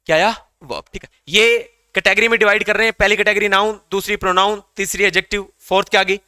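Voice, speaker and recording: An English grammar teacher lectures in a high, bright, crisp voice, steady in tone and quick in pace. The recording is close and dry with no room sound. He drills the class by posing questions and answering them himself.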